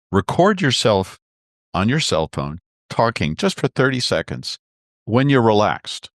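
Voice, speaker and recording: A man speaking as a communication expert guest in an interview, explaining expressively and demonstrating pitch with his voice. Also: dry recording, clean studio sound.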